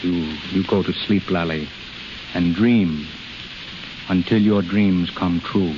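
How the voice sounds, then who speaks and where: A 1930s radio drama survives as a muffled transcription with music and background noise behind it. A man plays an intense, commanding yet tender healer speaking to an invalid woman, his low voice hushed and soothing, his intonation fairly even. He speaks haltingly and emphatically, repeating phrases.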